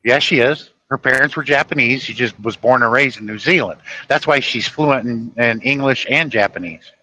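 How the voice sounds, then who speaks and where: A man's voice: mid-range voice, normal speed, bright, forceful tone, slight background noise, rough recording. A man hosting a podcast, telling stories and insisting on his point in a rambling casual chat. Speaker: podcast host.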